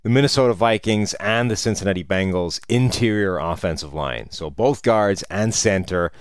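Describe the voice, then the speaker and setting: Low-voiced man giving sports analysis. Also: moderate pace, clear, resonant tone, dry recording, studio quality. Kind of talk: conversational football analysis.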